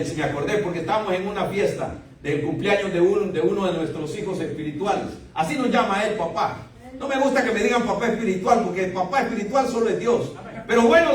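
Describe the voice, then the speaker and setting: An older man, a pastor, delivering a lively sermon with frequent laughs and exclamations. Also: sits high. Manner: animated preaching with frequent laughter, rising to exclamations. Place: church sanctuary. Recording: echoey church hall, voice from a distance.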